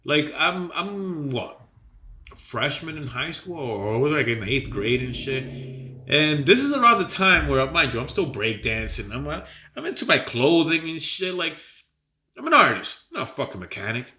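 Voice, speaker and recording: Lively bright-voiced man telling a profane story. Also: fairly high pitch, normal speed. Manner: animated, profane, rambling. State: sick with a cold. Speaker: podcast co-host. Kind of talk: casual storytelling chat.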